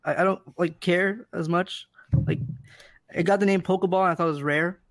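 A man's voice: sits high, steady tone, fairly quick, no room sound. A man in casual podcast chat, hesitant and stammering, repeating his words.

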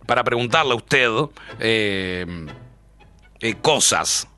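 A man with a Uruguayan accent hosting casual comic radio banter in an animated way. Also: fairly low pitch, takes it slowly. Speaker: radio host. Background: background music.

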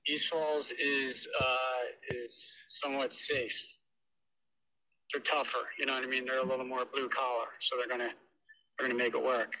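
An older man, calling in over a phone on speakerphone, talking casually and haltingly with many pauses. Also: medium pitch, flat delivery, bright, forceful tone, low-quality recording. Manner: halting, with many "uh"s, plain-spoken. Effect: heard over a phone on speakerphone. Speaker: caller, host's father.

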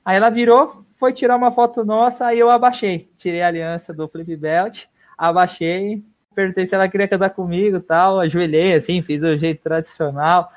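High-voiced man telling a story. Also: normal speed. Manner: animated storyteller, swears casually, trails off softly. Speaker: guest runner. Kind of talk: casual storytelling interview.

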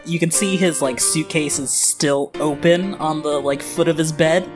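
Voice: mid-range voice, moderate pace. A game master casually narrating a tabletop game scene, full of "like" and "um". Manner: casual, filler-heavy narration with frequent "like". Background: background music.

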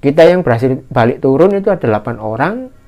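A man recounts a hiking story in a loose, conversational way. His pitch swings widely as he acts out the shouts of his companions. His voice sits at a mid pitch. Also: quick pace, dull audio, faint music behind. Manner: animated, acts out shouted quotes in a higher voice. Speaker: guest storyteller. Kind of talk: casual spoken horror story.

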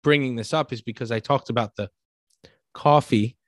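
A man with a New York accent talks through ideas in a relaxed, conversational way. He builds his points from everyday examples and keeps asking "right?" to check in. The sound is dry, with no room echo. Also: medium pitch, fast. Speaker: podcast co-host. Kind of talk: casual conversational explaining.

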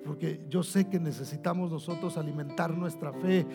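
A male pastor preaching a sermon, calling listeners brother, repeating phrases for emphasis and swinging from loud to hushed. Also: fairly high pitch, steady tone, moderate pace, over music.

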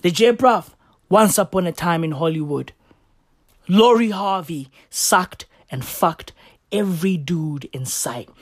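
A woman on a profane comedic rant with frat-bro slang, swinging between shouts and low asides and often checking in with short tag words. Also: animated, unhurried, dry recording. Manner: frat-bro slang delivery, repeated "bruv", "right?" and "legit".

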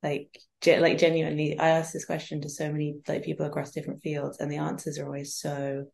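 A woman's voice: sits low, monotone, fast, gravelly, darkish tone. A woman hosting a casual interview in an effusive, informal, chatty way. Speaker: interviewer, host.

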